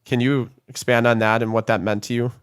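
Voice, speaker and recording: Friendly podcast host, halting questions. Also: male voice, medium pitch, flat delivery, clean tone. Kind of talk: interview questions.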